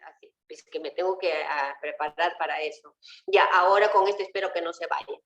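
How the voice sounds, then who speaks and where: A woman's voice: on the low side, normal speed, fairly bright tone, lo-fi sound. A woman teacher giving an online class. She talks patiently and often puts rhetorical questions to her students. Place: home, on a video call. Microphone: computer mic on a video call. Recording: roomy video call audio.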